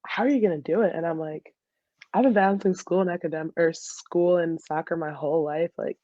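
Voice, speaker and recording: Her voice sits lowish and moves briskly as this twenty-something American soccer player chats on a podcast, giggling through animated stories with quoted dialogue. There's no room sound, and the highs are cut off.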